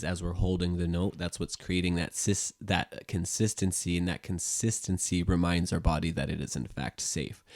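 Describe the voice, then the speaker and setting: In a clean, dry studio recording, a low-voiced man who teaches music and practices sound therapy gently walks listeners through a guided sound-healing exercise. His talk is calm and unhurried, with frequent fillers.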